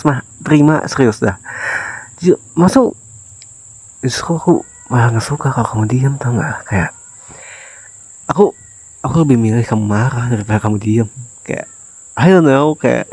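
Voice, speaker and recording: A man voicing a remorseful young husband softly pleading with his wife, in a whispered role-play that sprinkles in English phrases. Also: mid-range voice, no echo, close to an everyday voice, rough recording. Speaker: ASMR voice actor.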